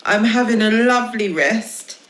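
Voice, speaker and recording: A woman's voice: a little high, unhurried, fairly bright tone, echoey room, voice pushed up. A woman voicing a worn-out mum in a storybook who just wants to rest. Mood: weary. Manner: weary, polite.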